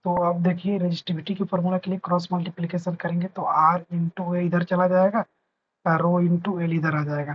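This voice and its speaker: A man's voice: a little high, dull audio, slight background noise. A man teaching a physics lesson, patiently repeating points and checking that his students understand. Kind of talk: explaining a lesson.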